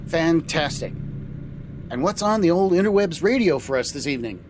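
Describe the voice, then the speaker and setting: Guy doing a cheery space trucker captain, kinda high pitched, old radio show style, engine noise behind him. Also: animated, moderate pace, close to an everyday voice. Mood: hearty. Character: cheery male sci-fi hero trucker captain. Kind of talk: scripted retro radio-show dialogue. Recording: clear vehicle noise behind voice.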